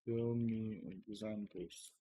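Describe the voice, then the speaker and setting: A man with a Russian accent in French, practising the language by repeating example sentences in a halting way. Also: fairly low pitch, flat delivery, warm tone, poor audio. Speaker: French learner practising with a partner.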